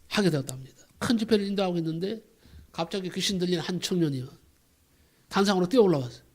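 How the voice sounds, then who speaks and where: Brief: male pastor, high-pitched, preaches with emphatic rhetorical questions. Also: darkish tone. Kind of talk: sermon.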